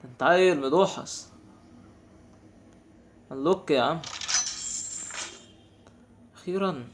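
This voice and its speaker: A man's voice: a little high, music in the background. A young man with an Egyptian Arabic accent giving casual, exasperated commentary while playing a game. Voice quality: quick, animated, exasperated banter. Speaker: gaming channel host.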